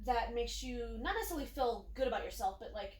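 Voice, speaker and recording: A woman with a high, light voice hosts a relaxed interview, chatting loosely and giggling between questions with plenty of "um"s. The room around her sounds echoey. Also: fast. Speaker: interview host. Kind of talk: casual interview chat.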